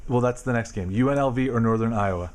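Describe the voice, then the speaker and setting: A man's voice: mid-range voice, quick pace. A man casually quizzing his young daughter at home, asking questions patiently and teasing her. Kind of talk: casual home video chat.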